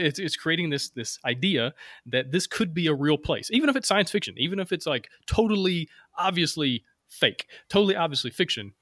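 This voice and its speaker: A podcast host in his thirties from Alabama, with a Southern American accent, leads a casual interview chat, upbeat and rambling with easy laughter. His voice is on the high side with a fairly bright tone, recorded clean in a studio with no room sound.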